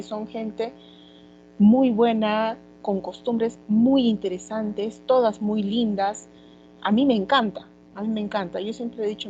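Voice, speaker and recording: A woman with a Peruvian accent gives a class in a loose, chatty way and often stops on small filler words. Her voice sits at a middle pitch. The audio is a little dull, with a faint hum behind her. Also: a little mellow. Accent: Peruvian Spanish. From Peru. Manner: conversational, many fillers like "este". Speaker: teacher. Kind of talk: online class lecture.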